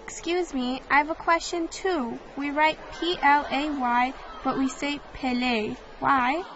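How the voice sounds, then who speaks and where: A woman's voice: sits high, fairly even intonation, lightly acted. A woman voicing an eager young female student, carefully enunciated, in a scripted textbook audio dialogue. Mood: curious. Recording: dull lo-fi audio with clear hiss.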